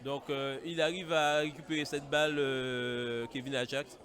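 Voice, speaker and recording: A man commentating live on a football match in a halting, repetitive way. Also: medium pitch, flat delivery, fairly bright tone. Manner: hesitant, halting delivery with repetitions. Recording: outdoor stadium, crowd noise behind. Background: crowd.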